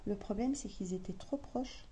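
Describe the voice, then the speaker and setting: A woman's voice: mid-range voice, normal speed, dark tone, a little hiss or hum. A woman with a French accent chatting casually to camera about her sewing, thinking aloud with many hesitations. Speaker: sewing vlogger.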